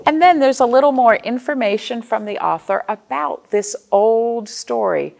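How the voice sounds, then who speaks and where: Hosting storytime for small children, an American librarian reads aloud expressively and keeps things simple, quizzing her listeners with questions. Her voice is on the high side yet darkish in tone, creaky, and at a moderate pace.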